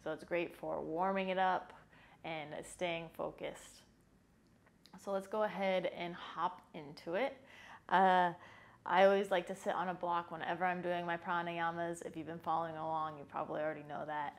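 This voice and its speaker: Her voice on the lowish side, a woman in her thirties wears a lapel microphone while guiding a breathing exercise in a small yoga studio. The instruction stays relaxed, informal, and never rushed, so listeners can follow along.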